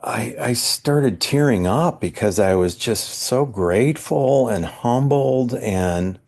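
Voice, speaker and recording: A man, a psychologist guest on a podcast, earnestly recounting a personal spiritual experience, often halting and searching for words. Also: medium pitch, lively intonation, creaky, a little mellow.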